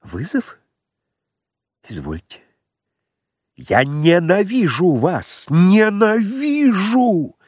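A man voicing an overwrought, hysterical young man who pleads and shouts. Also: on the high side, sing-song, takes it slowly, husky, dry recording, studio quality, voice pushed up, full character voice. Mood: seething hatred.

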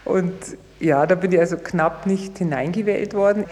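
A woman's voice: on the low side, normal speed, a little mellow, in a large hall. A woman recalling her past in a chatty, somewhat hesitant radio interview. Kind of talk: casual recollection.

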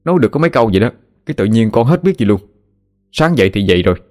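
A flustered young villager who keeps insisting he tells the truth, speaking a little faster and higher when pressed, as a male storyteller voices him. He, with faint music underneath. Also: sing-song, darkish tone. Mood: earnest. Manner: anxious, pleading explanations. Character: young man, flustered and earnest. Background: faint background music.

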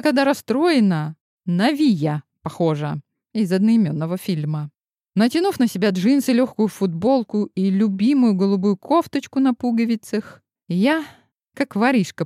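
A woman reading a first-person novel aloud with lively, ironic storytelling. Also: medium pitch, dry recording, studio quality. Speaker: audiobook narrator.

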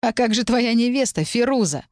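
A woman's voice: on the high side, expressive, moderate pace, no room sound, studio quality, pitched above the performer's own voice, natural voice. A woman voicing a furious, jealous young male mage who snaps and sneers in a raised, heated tone. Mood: angry, sneering.

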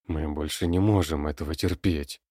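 A man's voice: rumbling low, steady tone, moderate pace, warm tone, husky, no room sound, studio quality. A man voicing an old man who pleads earnestly, in an audiobook. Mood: pleading.

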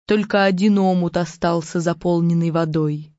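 Woman storyteller, lowish voice, dry muffled lo-fi read. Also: fairly even intonation, normal speed, a little mellow, dry recording. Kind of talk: fairy-tale narration. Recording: dull lo-fi recording.

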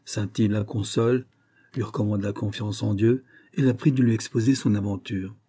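Man, audiobook narrator, very dark tone, husky, measured reading. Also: on the low side, steady tone. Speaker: audiobook reader. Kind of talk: storybook narration of a saint's legend.

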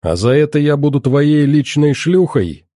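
A man voicing a bitter, despairing middle-aged woman who shouts insults. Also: fairly high pitch, animated, moderate pace, dry recording, clean studio sound, pitched above the performer's own voice.

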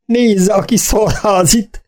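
A man puts on a blunt countryside farmer of middle years, his voice lifted higher than the narrator's own. He talks in a rough, rustic way and bursts into exclamations, with a dry, cheerful edge. It is an audiobook reading. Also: steady tone, lightly acted. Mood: jubilant.

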